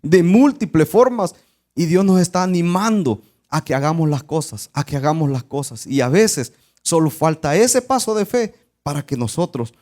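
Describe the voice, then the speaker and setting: A man's voice: fairly high pitch, animated, normal speed, a little mellow. Earnest male pastor preaching. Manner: earnest storytelling. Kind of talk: sermon.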